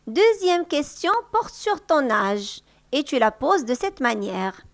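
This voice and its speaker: Slow, high-voiced teacher. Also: female voice, sing-song, dry recording. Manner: patient, repeats example sentences slowly and louder. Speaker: French teacher. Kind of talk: slow, clear language lesson.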